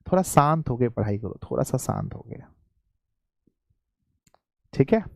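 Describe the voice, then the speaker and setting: A male Hindi grammar teacher with a Bihari accent, giving a live online class. He keeps asking his students questions, repeats key points, and often clears his throat. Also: medium pitch, dark tone, no echo, clean studio sound.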